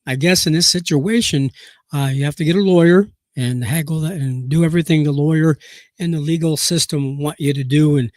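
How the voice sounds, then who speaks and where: A man from Nebraska hosting a boxing news live stream, hoarse from a cold, reading aloud haltingly with many fillers and restarts. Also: fairly high pitch, a little mellow, no room sound, clean studio sound.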